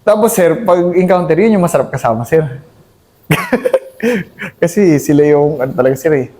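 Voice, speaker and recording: With a fairly high, expressive and mellow voice, a man in his thirties who is an army captain recalls combat for an interviewer. He speaks earnestly but haltingly, restarting often, and deferentially calls his host "sir" in almost every phrase of this conversational war story.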